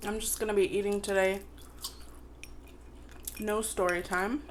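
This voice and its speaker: A woman's voice: mid-range voice, flat delivery, a little slow, a little hiss or hum. A woman chatting casually to viewers on an eating show, chewing as she talks and eating between phrases. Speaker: mukbang vlogger.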